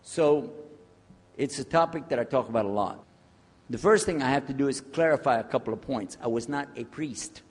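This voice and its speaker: A man's voice: medium pitch, fairly quick. A man giving a casual, joking lecture to a live audience, checking in with them as he talks. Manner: jokey, chatty, checks in with the audience. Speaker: speaker on Islamic outreach. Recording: long hall reverb.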